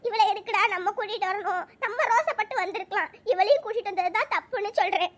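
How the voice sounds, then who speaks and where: A woman's voice: very high-pitched, fast. A woman voicing a lamenting old village grandmother in a cartoon, scolding her son.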